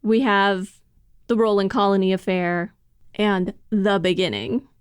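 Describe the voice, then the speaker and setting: A woman co-hosts a casual podcast discussion with a smooth, resonant voice. She is recorded close and dry, with no room sound. She explains things carefully and often laughs while she talks. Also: mid-range voice, a little slow, dry recording. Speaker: podcast co-host.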